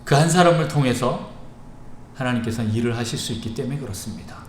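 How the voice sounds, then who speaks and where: A male pastor delivering an evening sermon in a church sanctuary, earnest and emphatic, with frequent pauses. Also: medium pitch. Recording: echoey church hall with faint background hiss.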